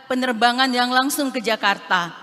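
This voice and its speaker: A woman from Aceh makes a formal appeal on stage in a high, bright voice, pleading and addressing the official again and again. Her handheld mic rings out through a large hall with a long reverb tail. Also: moderate pace. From Aceh, Indonesia. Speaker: head of a regional social services office. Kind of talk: formal appeal at a national meeting.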